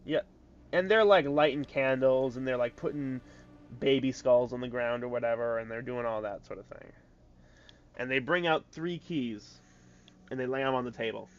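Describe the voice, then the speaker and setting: Casual male game master, muffled. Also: medium pitch. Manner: casual, halting with fillers. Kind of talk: narrating a tabletop game.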